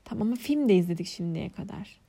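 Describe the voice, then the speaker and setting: A young woman co-hosting a podcast in casual chat, talkative and quick to laugh. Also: mid-range voice, expressive, vocal fry, warm tone, slightly rough. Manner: chatty, laughs often, fired up. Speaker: podcast co-host.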